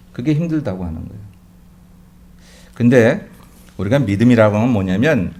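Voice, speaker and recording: A man pastor preaching a sermon, swinging between loud exclamations and quiet asides and putting rhetorical questions to his congregation. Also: mid-range voice.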